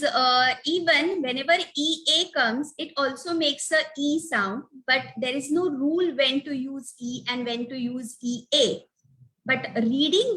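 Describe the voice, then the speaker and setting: A woman's voice: sits high, fairly bright tone. A woman teaching phonics in a webinar, patiently spelling out letters one by one and sounding out example words. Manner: patient, repeats "okay" between points. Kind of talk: slow instructional webinar talk.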